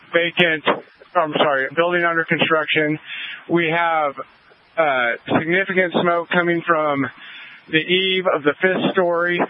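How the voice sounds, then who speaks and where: A man acting as the fire incident commander, giving direct orders to crews and dispatch over a two-way radio. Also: fairly high pitch. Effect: heard over a two-way radio. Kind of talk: radio calls at a fire scene. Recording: tinny radio with light hiss.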